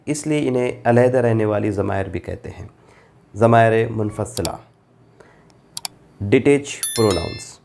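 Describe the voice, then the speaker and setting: A male teacher leads a Quran translation class, patiently reading Arabic phrases and then giving their meanings in Urdu. His mid-range voice is a little mellow, and he works slowly and deliberately, repeating forms for drilling in this classroom grammar lesson.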